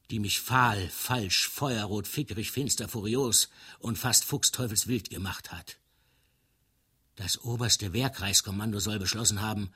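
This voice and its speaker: A man's voice: mid-range voice, bright, forceful tone, husky. A man voicing a panicked young soldier who dreads going to war, pleading in a theatrical, long-winded way. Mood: agitated. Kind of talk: dramatic literary reading.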